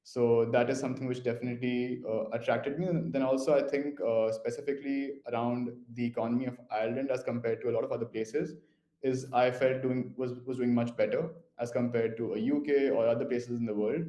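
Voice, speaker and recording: A young man from India, a current master's student speaking in an online info session, measured and dotted with "uh" fillers. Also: medium pitch, fairly even intonation, dark tone, reverberant.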